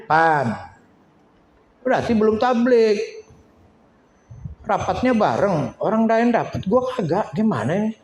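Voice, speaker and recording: A middle-aged man with a Betawi Jakarta accent preaching a lively sermon, joking and acting out the voices in his stories. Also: high-pitched, unhurried, pauses often. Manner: animated storyteller acting out quoted voices, joking. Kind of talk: lively sermon with acted anecdotes. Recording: echoey room with faint noise.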